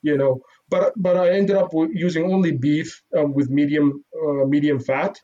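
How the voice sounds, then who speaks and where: Iraqi-born guy, guest on a chat, slightly high voice, lots of ums and restarts, modest. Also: fairly even intonation, dark tone, lo-fi sound. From Iraq. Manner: halting, many fillers and restarts, modest. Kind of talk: casual interview.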